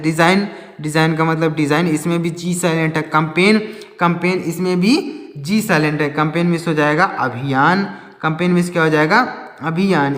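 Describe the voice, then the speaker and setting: A man teaching English vocabulary in Hindi, repeating each word and quizzing the viewer, pointing at words on a board. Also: on the high side. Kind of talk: Hindi-language English lesson. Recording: echoey room with long reverb.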